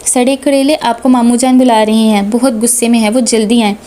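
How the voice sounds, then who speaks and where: A woman's voice: fairly high pitch, flat delivery, fairly quick, mellow, lightly acted. A woman reading a novel aloud, voicing a playful, mischievous young woman who teases. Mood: teasing. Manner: teasing, cheerful.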